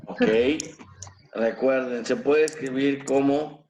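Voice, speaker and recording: A man's voice: medium pitch, fairly even intonation, takes it slowly, darkish tone, echoey room, lo-fi sound, slight background noise. A man teaching a class, patiently spelling out sounds one at a time and quizzing his students. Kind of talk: explaining pronunciation to a class.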